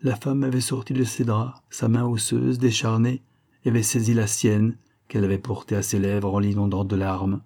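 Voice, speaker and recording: A man narrating a novel in steady, scripted audiobook style. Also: on the low side, normal speed. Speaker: audiobook reader.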